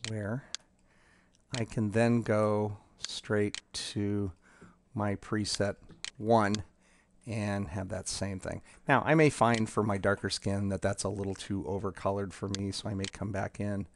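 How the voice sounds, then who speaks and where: A man with a fairly low voice talks through a software demo, halting and restarting often as he clicks along. His delivery is loose and unscripted, full of ums. A faint hiss sits under the voice. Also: level tone. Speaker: software developer demonstrating his tool. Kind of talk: casual software demo walkthrough.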